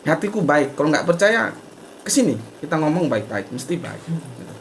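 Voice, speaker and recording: Man, outspoken speaker, wide-ranging lively pitch, faint noise behind. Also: normal speed. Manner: blunt and outspoken, with frequent "gitu loh" fillers. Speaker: invited speaker at a religious discussion. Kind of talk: blunt casual talk to an audience.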